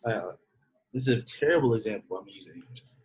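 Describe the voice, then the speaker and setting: Laid-back young man with lively pitch. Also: a little fast, poor audio. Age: 20s. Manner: laid-back, slangy, self-mocking. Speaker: podcast guest. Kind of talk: casual chat.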